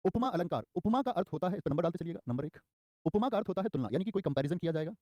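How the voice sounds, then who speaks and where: A young man runs a live online grammar class, talking quickly and firing questions at his students. His voice sits a little high but sounds mellow and soft-edged. He is recorded dry and close, with no room sound at all. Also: no room sound. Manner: energetic, repeats key terms and quizzes students; acts out short quoted lines in a raised voice. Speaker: Hindi grammar teacher.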